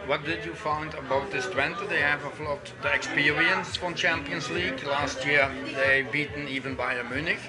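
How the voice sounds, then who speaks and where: A man from Belgium, asking a footballer post-match questions in slightly halting English. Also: fairly high pitch, steady tone, loud music behind the voice. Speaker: interviewer.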